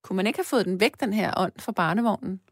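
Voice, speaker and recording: A woman's voice: mid-range voice, lively intonation, gravelly, dry recording, studio quality. A woman hosting a radio call-in show, asking the caller questions and letting him talk.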